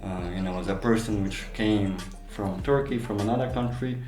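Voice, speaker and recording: A man's voice: fairly low pitch, moderate pace, a little mellow. A man interviewing someone, asking long questions in a hesitant, wordy and roundabout way. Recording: roomy echo, music behind.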